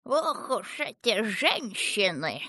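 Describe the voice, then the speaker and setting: A woman voicing a quick-tempered old male river king who grumbles and shouts, as an audiobook character. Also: mid-range voice, very animated, no echo, studio quality, exaggerated voice. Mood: grumbling. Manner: gruff, grumbling, shouting when angry.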